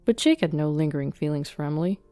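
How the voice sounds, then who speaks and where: A woman narrating a first-person story in an even, measured way. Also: deep voice, clean tone, no echo, faint music behind.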